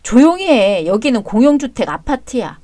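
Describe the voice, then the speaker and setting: A woman's voice: fairly high pitch, very animated, moderate pace, mellow, no echo. Brief: woman narrator, dry and cold, dramatized story reading.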